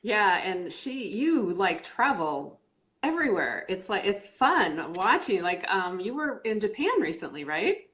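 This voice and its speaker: A woman's voice: mid-range voice, very animated, measured pace, fairly bright tone. Chatty middle-aged woman hosting a live stream. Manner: chatty, many fillers and restarts. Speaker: host. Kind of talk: casual live-stream chat.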